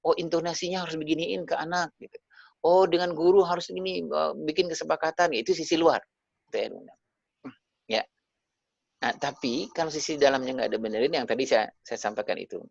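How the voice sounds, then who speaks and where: A man with a gravelly, creaky voice talks parents through a webinar over a video call. He addresses them directly and sprinkles tag fillers between his points. The sound is dull and lo-fi, with a dry, close feel. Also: a little high, fairly quick, dry recording. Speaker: parenting speaker.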